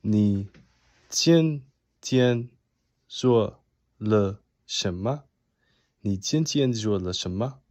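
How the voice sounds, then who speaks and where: A man's voice: lowish voice, animated, extremely slow, pauses often, a little mellow, no room sound. A man who is a native English speaker, keeping a casual video diary of his language learning and practising phrases. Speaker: language learner vlogging daily progress.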